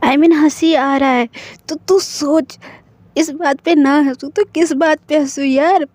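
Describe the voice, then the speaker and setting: A woman reading the part of a joking young male friend in an audio story, rambling and repeating herself, in a high, dry voice. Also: steady tone, slow pace, a little mellow, no echo. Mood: amused, rambling. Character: young man, joking friend who laughs easily.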